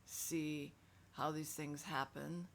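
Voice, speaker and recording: A woman's voice: low-pitched, fairly even intonation, slow pace, gravelly, a little hiss or hum. A middle-aged woman talking casually and emphatically in a self-help video, frank and conversational.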